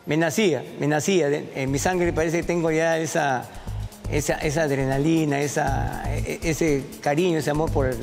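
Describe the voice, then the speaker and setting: A man with a Peruvian accent, a firefighter and cooking vlogger, talking earnestly and haltingly, often repeating words as he searches for them. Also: fairly high pitch, gravelly, a little mellow. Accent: Peruvian Spanish. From Peru. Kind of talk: interview and vlog talk.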